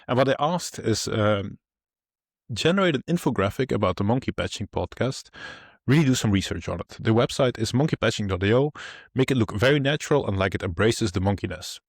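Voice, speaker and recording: Low-voiced man chatting on a tech podcast. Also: expressive, brisk, dry recording, clean studio sound. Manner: loose, filler-heavy explaining. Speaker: podcast co-host. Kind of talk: casual tech podcast chat.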